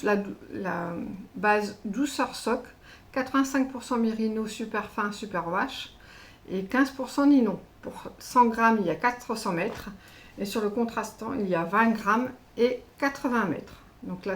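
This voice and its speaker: A woman with a French accent hosting a casual craft unboxing vlog, chatty and hesitant, with many fillers. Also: medium pitch. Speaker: craft channel host.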